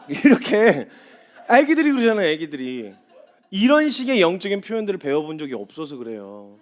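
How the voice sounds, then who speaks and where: Animated high-voiced male preacher. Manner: animated, acts out voices and crying, drops to quiet intensity. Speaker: missionary preacher. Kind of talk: sermon.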